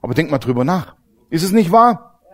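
Male preacher, humorous lively sermon style, expressive pitch, slightly high voice. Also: fairly quick. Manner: animated, jokes with the congregation, swings from loud to hushed.

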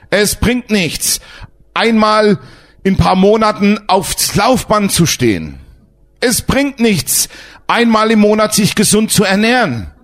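Animated German pastor preaching. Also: male voice, sits high. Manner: animated, emphatic preaching with rhetorical questions to the congregation. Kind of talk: sermon.

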